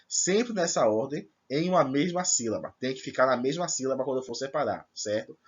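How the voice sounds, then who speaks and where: A man's voice: mid-range voice, animated, quick pace, slightly rough, highs cut off. A man teaching a grammar lesson to first-year students, explaining step by step and checking in with his class. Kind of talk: recorded remote class lesson.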